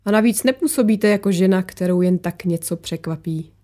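A woman voicing a mysterious female visitor who speaks calmly and matter-of-factly, as if she knows everything. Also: fairly low pitch, close to an everyday voice. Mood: knowing. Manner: calm, matter-of-fact, knowing. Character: calm mysterious woman visitor, knowing and unruffled.

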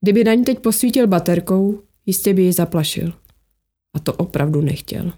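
A woman narrating an audiobook in a steady, measured storytelling manner. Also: on the low side.

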